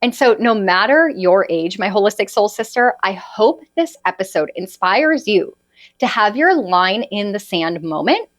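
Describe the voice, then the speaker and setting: Chatty woman in her thirties, lively pitch. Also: measured pace. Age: 30s. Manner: chatty, confiding, frequent "right?" asides. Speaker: podcast host and holistic health coach. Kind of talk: solo podcast monologue.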